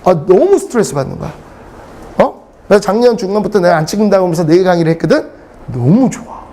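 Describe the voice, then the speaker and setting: A middle-aged English lecturer tells blunt, comic classroom stories, swearing freely for laughs in lively storytelling. His voice sits high and sounds mellow, very animated and fast.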